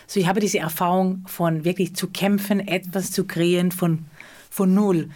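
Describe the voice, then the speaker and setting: A woman's voice: on the low side, fairly even intonation, moderate pace, darkish tone. A middle-aged woman from Israel, a choreographer, speaking German in an interview, often searching for words. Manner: searching for words, frequent hesitations. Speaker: choreographer and theatre co-founder. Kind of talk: interview answer.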